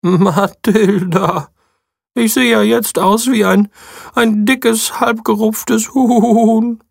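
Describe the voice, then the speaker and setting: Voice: medium pitch, steady tone, very slow, creaky, dry recording, studio quality, voice pushed up, heavily acted. A storyteller voicing a vain, self-pitying male sheep who has just been sheared, wailing in a children's audiobook. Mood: dismayed. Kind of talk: audiobook character voice.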